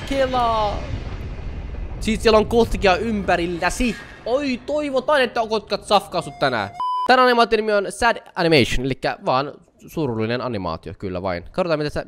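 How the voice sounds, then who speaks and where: A young YouTuber hosts his channel with a voice on the high side, reacting excitedly to animations. He gasps often and talks straight at the screen.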